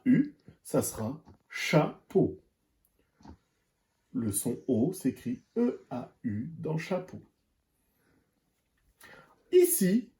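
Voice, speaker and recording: A primary school teacher records a reading lesson for young children, pacing each word very slowly and deliberately, stretching and repeating words for the class. Her voice is husky and a little breathy, with pitch rising and falling in a lively, sing-song way.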